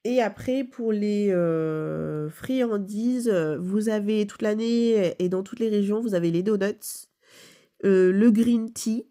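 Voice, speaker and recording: A woman hosting a video game channel talks through a game in a casual way, nasal from a cold and leaning on many fillers and self-corrections. Her voice is medium-pitched and warm, her pace slow.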